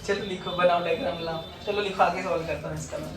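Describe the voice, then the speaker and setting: A male physics teacher giving a classroom lecture, coaxing his students to confirm each step and dictating notes slowly. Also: high voice, steady tone, background noise. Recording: echoey classroom from far off.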